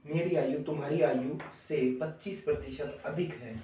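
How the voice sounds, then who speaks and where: Fairly high-pitched but mellow, with steady tone and normal speed, a man teaches maths step by step. He repeats every step and asks the children questions, calling them children, recorded far from the mic in an echoing room.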